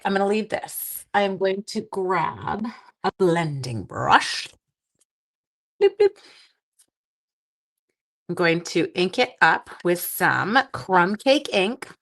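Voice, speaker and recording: A woman with a somewhat low, slightly bright voice leads a casual crafting stream. She sounds sleepy and groggy, chatting with her audience as she works and dropping in playful sound effects.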